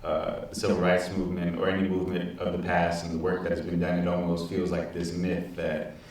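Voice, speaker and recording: Deep-voiced young man, echoey hall. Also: monotone, fairly quick, a little mellow, recorded from a distance. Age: 20s. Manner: earnest, reflective, repeats words while thinking. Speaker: panelist, teaching artist. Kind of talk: panel discussion. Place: large auditorium stage. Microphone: handheld mic.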